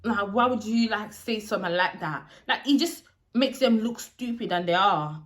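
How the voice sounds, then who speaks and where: A young woman telling a storytime vlog in an animated, chatty way with lots of slang. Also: mid-range voice, normal speed. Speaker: vlogger.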